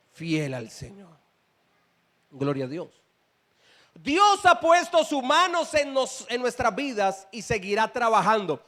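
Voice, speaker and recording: High-voiced man preaching a sermon. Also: a bit bright. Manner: preaching with rising emphatic bursts and asides to the congregation. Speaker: pastor. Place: church.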